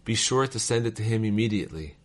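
A man with a somewhat low voice reads letters aloud. His delivery is measured and formal, with the steady cadence of devotional reading. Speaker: reader of devotional texts.

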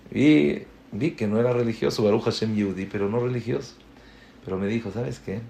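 Man, gravelly teacher's voice, slow emphatic religious lecture, roomy echo. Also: medium pitch, warm tone. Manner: emphatic, mixes Hebrew terms into Spanish, rhetorical questions. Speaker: rabbi giving a Torah class.

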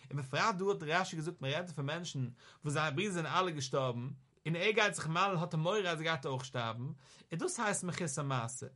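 A man leads a Talmud lesson in a chanting, rising-and-falling study-hall cadence. His voice sits a little high and rings bright and forward. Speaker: Talmud teacher. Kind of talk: Yiddish-style Talmud lesson.

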